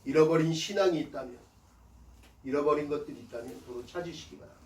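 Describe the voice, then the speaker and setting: Male pastor, high-pitched, emphatic preaching, distant mic in a reverberant church. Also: fast, slight background noise. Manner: emphatic call-and-response preaching, swelling loud then dropping soft. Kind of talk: sermon. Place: church sanctuary.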